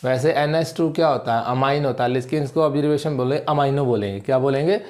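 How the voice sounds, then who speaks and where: A man's voice: mid-range voice, fast talker, darkish tone. A male chemistry teacher with a Punjabi accent, lecturing at a board and drilling each point by asking a question and then answering it himself.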